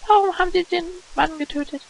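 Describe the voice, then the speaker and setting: A man doing a high falsetto young woman. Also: fast talker, creaky, heavy background noise. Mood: calm, matter-of-fact. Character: young woman, calm and practical. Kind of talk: reading game dialogue aloud.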